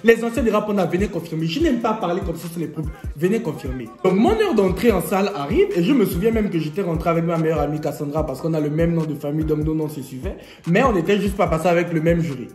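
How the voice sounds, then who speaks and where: A man's voice: a little high, fast, hardly any pauses. A young man vlogging a storytime, joking and laughing as he tells it. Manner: lively, joking storyteller who laughs often. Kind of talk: storytime vlog. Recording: echoey room, faint music.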